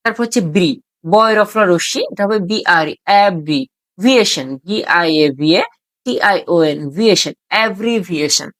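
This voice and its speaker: A woman's voice: medium pitch, dry recording. A young woman teaching spelling, patiently repeating each word and spelling it out letter by letter. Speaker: spelling tutor. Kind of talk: online lesson for exam students.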